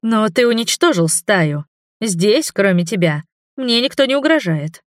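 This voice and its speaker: A man voicing a defiant, hot-tempered young woman in an audiobook, with shrill, indignant outbursts. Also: very animated, a little slow, a bit bright, no echo, studio quality, full character voice. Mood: exasperated. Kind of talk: audiobook character voice.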